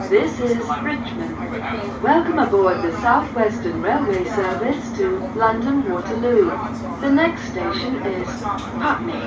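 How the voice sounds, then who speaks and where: A woman giving a recorded train announcement over the carriage public-address system, in a measured, formal delivery. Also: expressive, a loud crowd. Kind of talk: scripted automated announcement. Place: inside a moving passenger train. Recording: echoey loudspeaker from far off under loud train rumble. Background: loud train noise.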